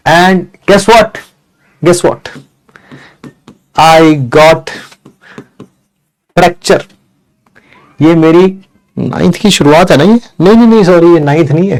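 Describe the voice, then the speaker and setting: A man telling a funny childhood story to students in a lively way, checking in with the listeners often. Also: fairly high pitch. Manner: lively, addresses listeners with "bhai sahab" and "hai na". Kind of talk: animated storytelling.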